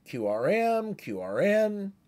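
Speaking slowly, a man in his sixties uses a high-pitched, darkish voice with large swings in pitch. He presents an explanatory amateur radio tutorial, conversational and instructive, complete with demonstrated radio calls.

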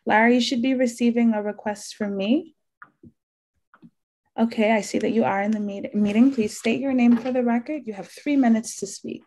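A woman on a hearing's staff, giving brisk, businesslike procedural instructions to people testifying. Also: on the high side, fairly even intonation, a little mellow, slight background noise.

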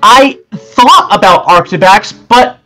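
A young man in casual gameplay chat, explaining things in a halting, conversational way. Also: sits high, animated, sharp tone, soft background music, poor audio. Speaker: gaming challenge player.

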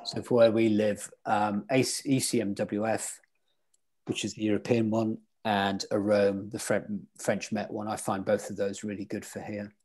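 A man teaches sailing weather in an online club lecture over a video call, quizzing his listeners as he goes. His interactive delivery comes in a voice on the low side, with a level, darkish tone and a slightly slow pace.

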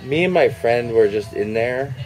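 A young man making a prank call in a casual, halting, earnest-sounding way, recorded on a webcam in a room at home. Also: mid-range voice, expressive, darkish tone, faint music behind, poor audio. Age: young adult. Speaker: prank caller. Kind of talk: casual phone conversation. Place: small room indoors at home. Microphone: webcam at arm's length.

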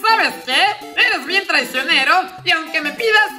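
A man's voice: extremely high pitch, animated, a little slow, pushed and bright, soft background music, pitched above the performer's own voice, exaggerated voice. A man voicing a small, resentful cartoon dinosaur in a toy skit, whiny and melodramatic. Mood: indignant.

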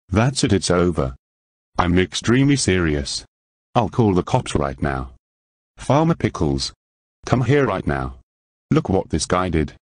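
A man's voice: low-pitched, no echo, exaggerated voice. A man voicing an outraged cartoon character who scolds and threatens to call the police.

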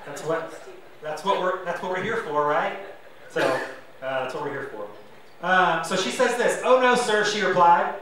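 A man's voice: on the high side, lively intonation, measured pace, bright, forceful tone, very echoey, recorded from a distance, slight background noise, low-quality recording. A man preaching a sermon to his congregation as pastor, conversational and self-deprecating, with asides to the listeners. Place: church sanctuary.

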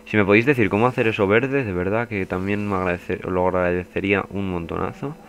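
A man's voice: sits low, steady tone, fast talker. A young man giving casual, swearing let's play commentary as a gaming youtuber. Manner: swearing, chatty, bursts into panicked yelling.

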